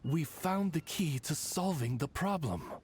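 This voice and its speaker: A gallant talking raven familiar from a video game. He speaks with formal courtesy, his voice rising and falling with lively swings. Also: medium pitch, measured pace, breathy edge. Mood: courtly.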